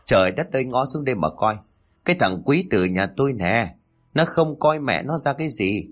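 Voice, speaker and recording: A man voicing a nagging, sharp-tongued old mother-in-law who scolds and wails melodramatically. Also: on the low side, very animated, brisk, husky, soft background music, exaggerated voice. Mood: wailing.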